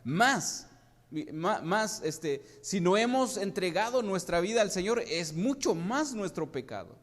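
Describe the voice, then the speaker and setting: A man's voice: high-pitched, big pitch swings. Man preaching in a reverberant hall. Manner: asks the congregation questions, halting restarts. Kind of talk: sermon. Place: church hall.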